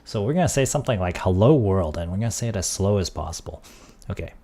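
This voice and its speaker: A man streaming casually, thinking aloud as he works on audio software and trailing off into quiet mutters. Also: lowish voice, lively intonation, quick pace. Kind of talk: casual tech livestream.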